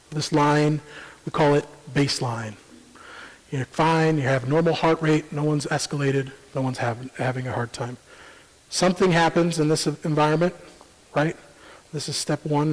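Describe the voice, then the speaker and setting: A man leads a church parenting seminar, walking his listeners through ideas in a measured, explanatory way with frequent ums. His voice sits a little high for a man. The sound rings with the long reverb of a church hall. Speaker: seminar presenter. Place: church sanctuary.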